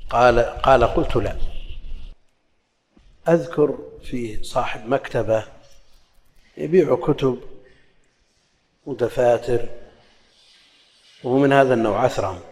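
A man's voice: mid-range voice, darkish tone. Man teaching in a reverberant hall. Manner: explanatory, shifts between classical recitation and colloquial dialect. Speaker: Islamic scholar teaching hadith. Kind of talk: religious lesson, explaining hadith.

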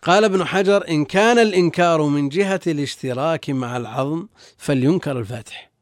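Pitched on the high side and brisk, this man's voice comes through at studio quality with no room sound. He is a religious scholar and guest teacher, reading texts in formal classical Arabic, explaining them and repeating phrases along the way.

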